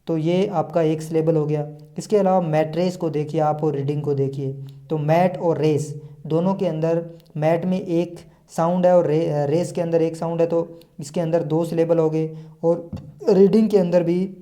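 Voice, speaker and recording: A man who teaches English, explaining a lesson patiently, repeating himself and filling pauses often. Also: fairly high pitch, fairly even intonation, mellow. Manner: patient, repetitive explaining with frequent fillers.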